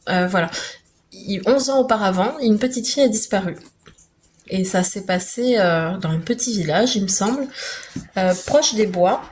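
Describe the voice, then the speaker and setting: A woman's voice: mid-range voice, a little hiss or hum. A woman chatting casually in a home vlog, rambling with lots of fillers and restarts. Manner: chatty, many fillers and restarts, laughs easily. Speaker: vlogger.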